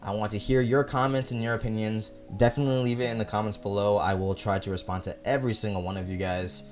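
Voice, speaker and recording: Low-pitched young man doing commentary. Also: level tone, quick pace, faint music behind. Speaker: video essay host. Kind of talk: scripted commentary.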